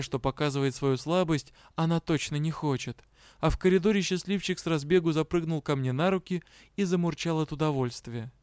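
A man's voice: on the high side, a little mellow, clear, resonant tone, no room sound, studio quality. A man reading a fantasy audiobook as narrator. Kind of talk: scripted narration.

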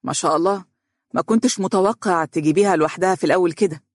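Reader doing a gentle young male doctor with an Egyptian accent, measured and soothing, dry audiobook sound. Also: mid-range voice, dry recording, close to an everyday voice. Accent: Egyptian Arabic. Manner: soft, reassuring, measured.

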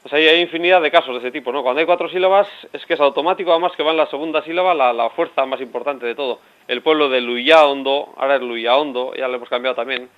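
Fast-talking man explaining on local radio. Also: on the high side. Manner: explanatory, rambling with restarts. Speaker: radio guest. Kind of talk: radio interview. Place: radio studio. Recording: dull lo-fi radio audio.

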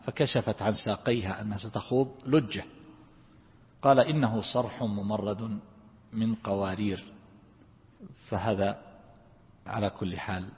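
A man teaching a lesson on Quran commentary, who explains slowly and repeats words to drill how their vowels are said. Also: on the low side. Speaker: sheikh teaching Quran exegesis. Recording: lo-fi recording in a reverberant hall.

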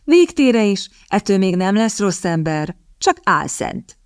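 Woman voicing a sharp young lady, cutting, impatient, dry close sound. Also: on the low side, sing-song, no echo. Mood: tart. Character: sharp-tongued, quick-witted young woman.

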